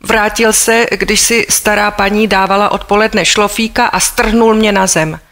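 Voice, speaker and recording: Young working-class maid, bitter and blunt, voiced by a woman narrating an audiobook; everyday slangy speech, mid pitch. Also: fairly even intonation, a bit bright, close to an everyday voice. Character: desperate, hungry young working-class housemaid. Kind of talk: audiobook character voice.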